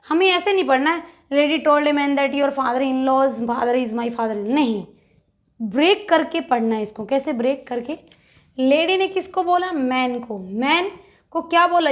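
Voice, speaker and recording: A woman teacher explaining a lesson, who asks her class questions and answers them herself and repeats the key words. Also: sits high.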